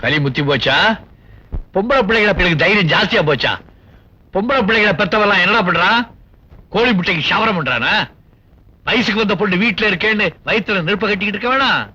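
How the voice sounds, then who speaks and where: An actor playing a cynical bachelor boss who rants sarcastically about weddings and the news. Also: male voice, high voice, expressive, quick pace, long pauses, bright, forceful tone, husky, heavily acted. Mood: scornful. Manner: sarcastic, scornful ranting. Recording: dull old film soundtrack.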